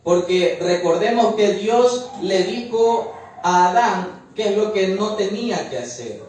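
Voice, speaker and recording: A man's voice: high voice, expressive, unhurried, a little mellow, slight background noise. A male preacher teaching a Bible study, explaining patiently and often ending his points with "amén". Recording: very echoey room, far from mic.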